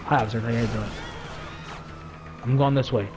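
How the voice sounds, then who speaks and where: A man's voice: mid-range voice, steady tone, normal speed, over music. A man giving casual, joking gameplay commentary, swearing a lot and laughing as he plays. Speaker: gamer.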